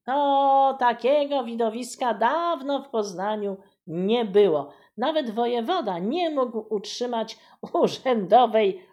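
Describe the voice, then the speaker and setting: Woman, children's story reading, lively pitch, slow pace, explains old words.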